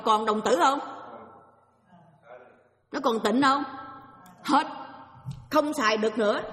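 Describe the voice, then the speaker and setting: In an echoey hall, a woman with a slightly high voice gives an animated dharma talk as a Buddhist teacher. She tells stories and poses questions to her listeners.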